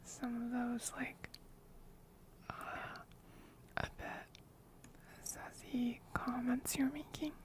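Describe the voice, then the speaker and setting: A woman's voice: fairly high pitch, steady tone, slow pace, long pauses, rough recording. A woman livestreamer doing close ASMR whispering right in the listener's ear, coy and teasing, talking to her chat. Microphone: close microphone.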